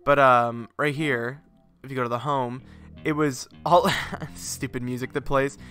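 Soft music plays behind a mid-range, sharp-toned male voice that stays fairly even and unhurried. The young streamer sounds congested as he chats loosely during a home garage game stream, wandering off topic and swearing often.

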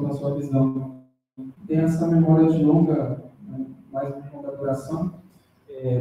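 Male seminar discussant, dark mellow tone, slightly high-pitched, taped from across an echoey room with faint noise. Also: far from the mic. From Brazil, Rondônia. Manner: halting, with many tag questions and restarts. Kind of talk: academic feedback in a seminar.

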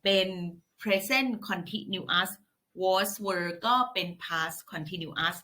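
A woman's voice: on the low side, drawn-out words, sharp tone. A woman whose first language is Thai, teaching English grammar patiently, often adding polite particles. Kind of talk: classroom grammar lesson.

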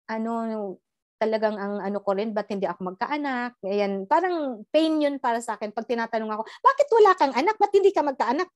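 A middle-aged woman from the Philippines giving a personal testimony in an animated storytelling manner, mixing in English and often tagging "no?". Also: a little high, no room sound, clean studio sound. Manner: animated storytelling, Taglish, tag "no?". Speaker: guest sharing a life story.

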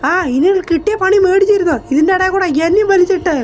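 Shinchan, a woman voicing a squeaky timid boy. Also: quick pace, a little mellow, faint music behind. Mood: whiny. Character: cheeky young boy sidekick, timid. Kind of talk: game role-play voice acting.

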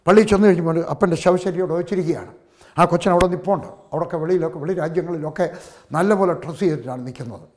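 Older man, pastor, high voice, storytelling sermon, hushed then loud, hallelujah calls. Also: very fast, a little hiss or hum.

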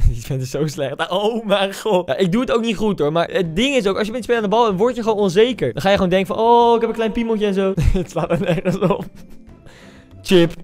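A man from the Netherlands, a gaming YouTuber, giving casual commentary on his own match, chatty and self-mocking, bursting into loud shouts at big moments. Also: high-pitched, brisk, faint music behind. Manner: excitable, bursts into loud shouts at goals and misses; chatty and self-mocking, addressing viewers directly.

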